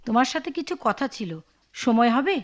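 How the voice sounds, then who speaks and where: A woman playing a shrill scolding older sister. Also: lively intonation, a little fast, soft background music, close to an everyday voice. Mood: complaining. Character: sharp-tongued wealthy older sister. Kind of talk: television drama acting.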